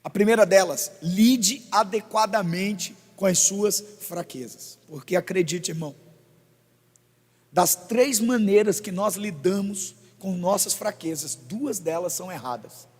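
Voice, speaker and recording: A pastor preaching a sermon in church on a body-worn microphone, animated and joking with the congregation. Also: male voice, high-pitched, measured pace. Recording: long church reverb.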